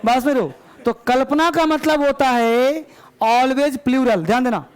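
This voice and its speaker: A male English teacher, drilling example sentences slowly and quizzing his students in a live lesson. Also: very high-pitched, clean tone.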